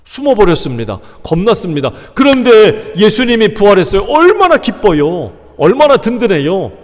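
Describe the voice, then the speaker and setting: A male pastor preaching a sermon, animated, asking the congregation rhetorical questions and acting out quoted lines. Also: sits high, normal speed. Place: church sanctuary. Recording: long church reverb.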